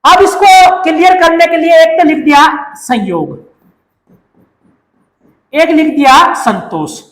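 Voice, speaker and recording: A woman's voice: extremely high pitch, animated, slow pace. A woman, teaching a grammar lecture. She poses questions and answers them herself, repeating the key terms. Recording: echoey room.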